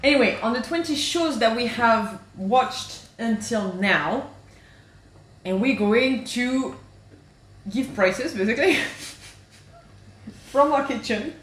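A woman co-hosting a casual podcast chat from her kitchen, talking in quick restarts and laughing as she goes. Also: on the high side, animated, a bit bright. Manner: chatty, restarts often, laughs while talking. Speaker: podcast co-host. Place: home kitchen. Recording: echoey kitchen.

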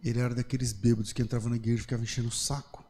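Brazilian male pastor, mid-pitched, fervent sermon that drops to hushed anecdotes, long hall reverb. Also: level tone, very fast. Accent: Brazilian Portuguese. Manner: swings between loud impassioned preaching and quiet storytelling.

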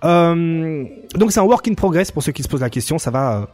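A young man from France runs a casual fighting-game news stream. His voice sits a little high, and he talks in an animated, jokey way. He keeps breaking his sentences with fillers and restarts. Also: fairly quick, faint music behind.

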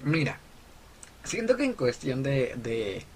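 A man's voice: medium pitch, big pitch swings, slow pace, darkish tone, slightly rough. A man with a Mexican accent chatting on a podcast, thinking aloud with plenty of fillers. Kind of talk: casual podcast chat.

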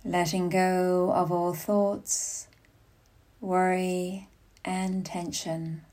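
In this clip, a yoga nidra guide leads a meditation, her calm directions unhurried and broken up by long silences. She speaks with a fairly low, even voice that sounds a little mellow.

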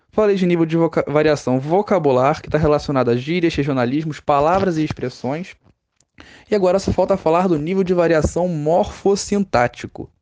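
A man's voice: fairly high pitch, dark tone. A man with a Brazilian Portuguese accent explaining a lesson on a podcast, asking questions aloud and answering them himself. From Rio de Janeiro, Brazil. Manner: asks and answers his own questions. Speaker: teacher.

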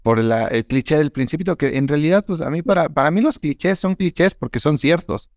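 A man's voice: a little high, fairly quick, darkish tone, no room sound, clean studio sound. A man, co-hosting a podcast and musing aloud in a thoughtful, questioning way. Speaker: podcast co-host. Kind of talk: reflective casual chat.

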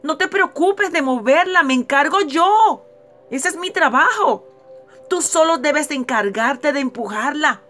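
Patient reassuring God in a read-aloud parable, voiced by a woman, gentle but pitched high. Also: expressive, measured pace, soft background music. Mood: gentle reassurance.

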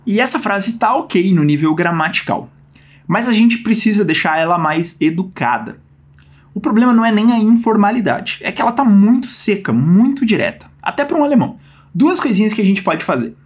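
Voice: mid-range voice, expressive, moderate pace. A language teacher with a Brazilian accent runs a casual lesson and keeps cracking jokes in easygoing slang. The voice sits in a middle register and swings up and down with lots of animation. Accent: Brazilian Portuguese. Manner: playful, jokey, slang-filled. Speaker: German teacher.

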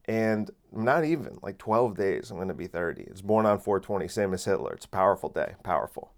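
A man in his late twenties with a deep, animated voice talks a little fast while hosting a casual solo podcast. He rambles with many fillers and restarts, recorded on a microphone, using a phone camera and a separate microphone.

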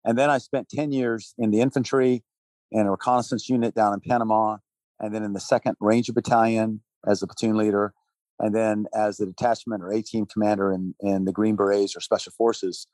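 Telling his story as an interview guest, a relief organization leader in his sixties speaks fairly quickly in a lowish, darkish voice with little pitch movement. Raised in Thailand and from Texas, he's earnest and conversational, listing points and chuckling between phrases, with no room sound.

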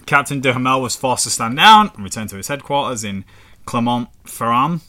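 A man's voice: medium pitch, lively intonation, moderate pace, sharp tone. A man with a northern English accent, chatting casually and swearing as he reads out history facts. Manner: rambling and sweary, reading facts aloud. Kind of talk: casual chat.

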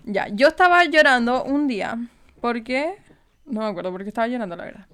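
Young woman, Chilean accent, clear resonant voice, somewhat high, chatty and relaxed. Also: brisk. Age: young adult. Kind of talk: casual chat.

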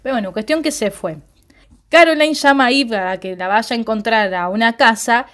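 Young Argentine woman, Rioplatense accent, casual recap chat, lively storyteller, voice sits a little high. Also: fairly quick. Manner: animated storyteller, jumps high to act out quoted lines. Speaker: series recap co-host.

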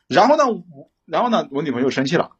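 A young man calling in to an advice show, his voice husky and pitched a little high. He rambles and restarts, swinging his tone up and down a lot as he tells his story. The sound is muffled and lo-fi. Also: very animated, a bit bright. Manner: rambling, halting, many restarts. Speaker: caller seeking relationship advice. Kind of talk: casual phone-in storytelling.

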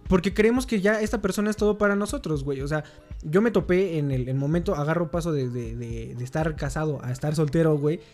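A man's voice: fairly high pitch, fast, darkish tone, faint music behind. A young man with a Mexican Spanish accent, telling stories in slangy casual chat as a podcast host. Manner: slangy, storytelling, lots of filler words.

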